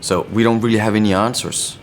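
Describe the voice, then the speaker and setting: This band member from Denmark, who speaks with a Danish accent, responds to an interview in a reflective way, often pausing while he searches for words. His voice is lowish and steady in tone, with soft background music.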